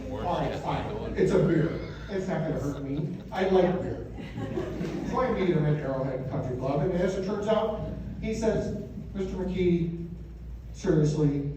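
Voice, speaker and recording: Heard from a distance in a very echoey room with clear background noise, an American man in his fifties or sixties gives a father of the bride speech. His delivery is conversational and joking, built like storytelling, with emphatic punchlines. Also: fairly high pitch. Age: 50s or 60s. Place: wedding reception room. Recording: echoey room from far off, noisy.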